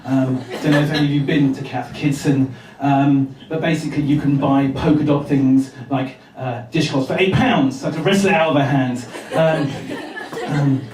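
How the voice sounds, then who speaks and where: A man from England doing a stand-up comedy set on a club stage, rambling and deadpan with lots of hesitant "um"s. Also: mid-range voice, normal speed. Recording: roomy club recording from far off, audience.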